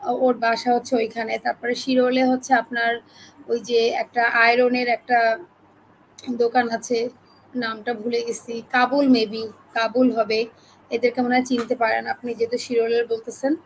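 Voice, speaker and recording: A woman from Bangladesh teaching a live online class with a sore throat, talking gently and chatting with participants as she reads out their names. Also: fairly high pitch, little pitch movement, moderate pace, a little hiss or hum, rough recording. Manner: chatty, friendly, addresses listeners as apu. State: sore throat, speaking softly.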